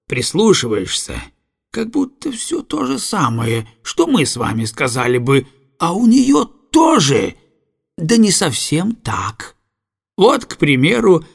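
A man voicing a drunken, blunt male coal carter who talks slowly and loudly, blustering. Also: fairly high pitch, creaky, full character voice.

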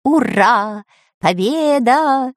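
A boastful cartoonish parrot henchman from a children's story, voiced by a woman. He crows gleefully, his pitch bouncing up and down. The sound is dry and close. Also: very animated, moderate pace, dry recording. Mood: gloating. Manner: gleeful and crowing. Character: gloating villain's parrot, male, boastful. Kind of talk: children's audiobook voice acting.

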